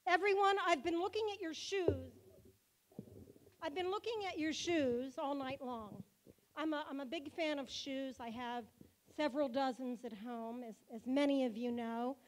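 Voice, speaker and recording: A woman, the synagogue president, giving a joking, warm-hearted speech at a banquet held in a car museum hall. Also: high-pitched, moderate pace. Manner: playful, joking speaker.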